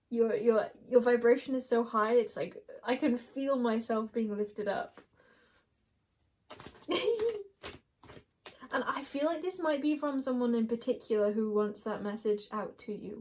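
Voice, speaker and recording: A young woman with a slightly high voice works through a card reading for her viewers. She muses aloud, trails off and second-guesses herself, and breaks into giggles often. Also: steady tone, a little slow, darkish tone. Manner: giggly, musing, talks to viewers as you guys. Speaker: tarot card reader. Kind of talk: intuitive card reading to camera.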